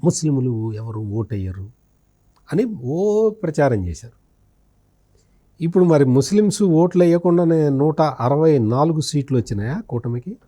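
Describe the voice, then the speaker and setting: With a mellow, slightly high voice and lively intonation at normal speed, a man delivers spoken political analysis as a journalist in an interview. He explains emphatically, posing questions he then answers and repeating phrases.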